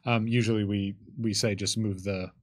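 Seated at an indoor studio table against a curtain backdrop with a tabletop mic on a stand, a game designer in his thirties fields rules questions in a casual panel talk. He speaks at a moderate pace in a fairly low, fairly even voice, explaining things conversationally with plenty of hedges and asides.

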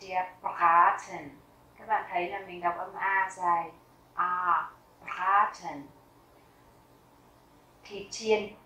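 A woman teaching a vocabulary lesson, reading each word twice slowly and carefully and explaining how to pronounce it. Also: medium pitch, fairly even intonation, pushed and bright, roomy sound, far from the mic, slight background noise, rough recording. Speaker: German teacher. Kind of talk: slow vocabulary lesson with pronunciation drills.

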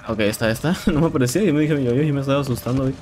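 Excitable young Mexican gamer man. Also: mid-range voice, very fast. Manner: excitable, swears a lot, repeats words. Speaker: gameplay streamer. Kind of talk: casual live game commentary. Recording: game sounds and noise in background.

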